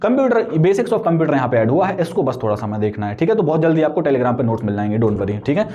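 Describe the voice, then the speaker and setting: A man's voice: medium pitch, big pitch swings, fast talker, mellow, lo-fi sound. A young man giving casual, explanatory advice on exam preparation, talking conversationally and checking in with frequent tag questions. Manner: conversational, frequent tag questions, mixes English terms into Hindi. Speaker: exam coaching vlogger.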